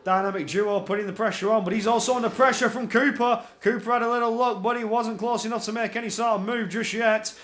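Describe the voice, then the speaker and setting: A man giving live play-by-play racing commentary in an excitable manner, repeating phrases for emphasis. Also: sits high, quick pace, few pauses. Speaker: esports motor racing commentator.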